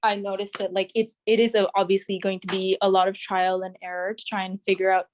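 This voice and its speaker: A woman's voice: medium pitch, little pitch movement, a little fast, slight background noise. A young woman from Canada joining a video call as a guest, speaking thoughtfully with lots of "like" and "um". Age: young adult. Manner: thoughtful, many fillers like "like" and "um". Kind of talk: casual discussion.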